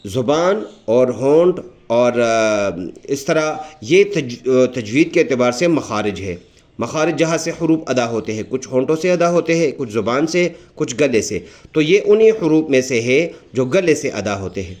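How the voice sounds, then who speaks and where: A man's voice: medium pitch, lively intonation, a little mellow. A man teaching beginners how to pronounce Arabic letters, explaining patiently and drawing out each letter sound as he demonstrates it, with a Pakistani Urdu accent. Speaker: Quran teacher.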